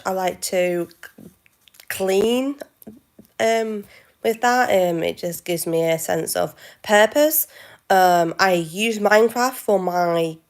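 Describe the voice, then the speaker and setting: Woman, late twenties, livestream Q&A host, unhurried and lowish, halting self-corrections. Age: 20s. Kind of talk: casual live Q&A chat.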